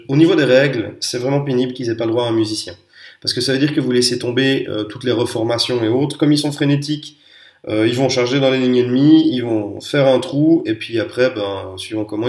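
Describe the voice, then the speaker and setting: A man giving a casual spoken review of tabletop wargame units, pausing often with fillers and restarts and sharing strong opinions. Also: medium pitch, darkish tone. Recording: echoey room.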